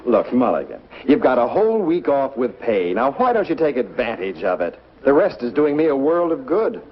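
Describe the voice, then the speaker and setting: An actor playing a deadpan, sarcastic middle-aged boss in a 1950s sitcom. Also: male voice, medium pitch, normal speed, husky. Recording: dull 1950s TV soundtrack with faint noise.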